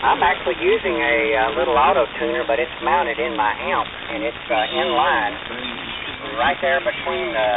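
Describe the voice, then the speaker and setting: A man running an amateur radio net in a relaxed, folksy, polite way, his signal drifting slightly off tune. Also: mid-range voice, moderate pace, gravelly. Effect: ham radio signal drifting slightly off tune. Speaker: net control operator. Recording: tinny shortwave radio with heavy hiss.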